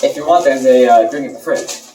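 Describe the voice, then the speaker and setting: A man acting in a comedy sketch, excitable and prone to yelling outbursts. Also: mid-range voice, brisk. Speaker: sketch actor. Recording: echoey room, distant mic, background noise.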